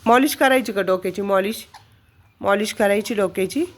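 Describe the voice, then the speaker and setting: A woman's voice: mid-range voice, normal speed. A woman in a casual home vlog, talking in coaxing baby talk to her pet parrot. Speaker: vlogger.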